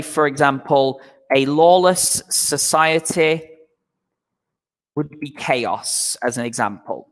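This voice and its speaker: The voice is a man's, a little high, with a long reverb tail. Patient and repetitive, he walks a live online class through English vocabulary with slow explanations, asking "okay?" almost every time he makes a point.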